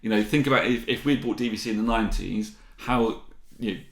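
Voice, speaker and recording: A UK man in his forties co-hosts a podcast in casual conversation, rambling with lots of restarts and ums. His voice sits on the low side, moves fairly quickly, and sounds roomy.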